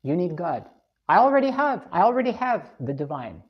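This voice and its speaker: A woman's voice: fairly low pitch, very animated, brisk, dull audio. A woman from Russia, live streaming, reading viewer comments and giving blunt, opinionated views.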